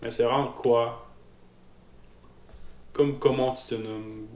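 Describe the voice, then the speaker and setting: In an echoey room with faint background noise, a man teaches spoken Moroccan Arabic in a casual, hesitant way. He repeats his words and keeps asking "ok?". His medium-pitched, darkish voice is steady and slow.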